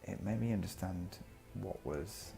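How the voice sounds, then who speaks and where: Deep, gravelly man telling his story. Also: measured pace. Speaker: vlogger. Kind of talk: personal vlog monologue, reflective storytelling. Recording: music behind the voice.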